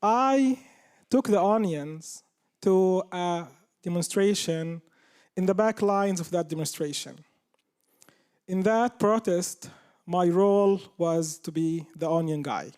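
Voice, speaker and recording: A man's voice: high voice, slow pace, a little mellow, clean tone. A man, telling a humorous personal story to a live audience. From Palestine. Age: 30s. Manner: humorous, anecdotal. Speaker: speaker at a live talk.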